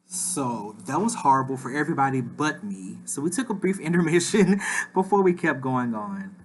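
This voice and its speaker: A man's voice: mid-range voice, animated, moderate pace, slight background noise. A man in his thirties, a father, chatty and upbeat as he narrates a family vlog voice-over, often saying "like". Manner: enthusiastic, chatty, says "like" a lot.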